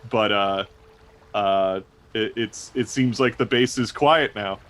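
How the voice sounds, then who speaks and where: A man improvising narration as game master of a tabletop game, in a casual, halting way. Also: fairly low pitch, fairly bright tone. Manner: casual, halting, prone to laughing.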